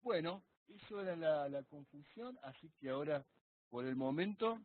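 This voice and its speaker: A man's voice: fairly high pitch, lively intonation, normal speed, breathy edge. A man asking questions as a student in a live online class, hesitant and searching for words. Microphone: video call. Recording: tinny video call audio.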